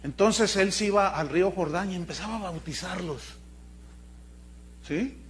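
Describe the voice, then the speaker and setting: Mexican man pastor, high-pitched voice, animated colloquial sermon, faint hum behind. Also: normal speed. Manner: animated, colloquial, humorous storytelling.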